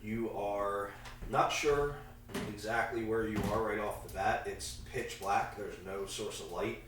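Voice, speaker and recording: A man's gravelly, allergy-congested voice comes through from a distance in a very echoey room. It sits fairly low as he casually, haltingly runs a tabletop role-playing game. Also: a bit bright. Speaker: game master. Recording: echoey room, far from mic, faint noise.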